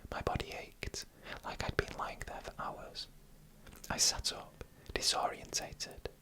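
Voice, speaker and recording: The narrator tells a scary story in a gentle, breathy ASMR whisper with no voicing, taking it slowly in brief, deliberate phrases separated by pauses.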